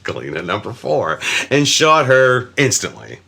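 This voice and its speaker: A man co-hosting a casual true-crime podcast, narrating the case with frequent swearing and dark laughs. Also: medium pitch, wildly swooping pitch, unhurried, creaky, slightly rough. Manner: swears freely, laughs, mock-voices the killer.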